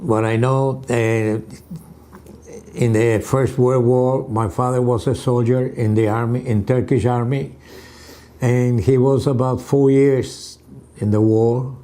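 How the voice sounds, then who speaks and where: An elderly man from Cuba recalls his family in an interview at home. He talks slowly, in short broken answers with pauses. His voice is mellow and dark. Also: medium pitch, flat delivery. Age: older. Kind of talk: oral history interview.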